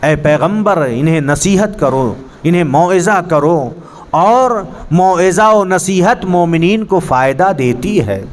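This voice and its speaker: A man's voice: high voice, lively intonation, slight background noise. A man teaching a Quran pronunciation class, earnestly correcting his students and demonstrating the Arabic sounds. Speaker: religious teacher. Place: mosque hall.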